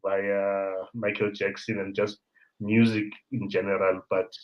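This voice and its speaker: A South African man in his thirties hosting a casual conversation, an animated storyteller who mixes in local words. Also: fairly low pitch, unhurried. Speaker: host. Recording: dull lo-fi sound.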